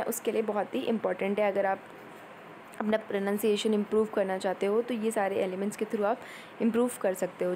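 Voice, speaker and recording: Female lecturer, mellow voice, faint hiss behind, slow drawn-out headings, lots of fillers. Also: medium pitch, poor audio. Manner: explains in Hindi, reads English headings out slowly; repetitive, with many fillers. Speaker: teacher. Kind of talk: exam-prep lecture.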